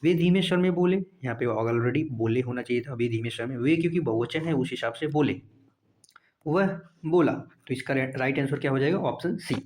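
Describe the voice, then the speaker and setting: A man's voice: medium pitch, moderate pace, darkish tone. A male teacher going through exam practice questions one by one, asking and answering his own questions and repeating each answer. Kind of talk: exam prep lesson.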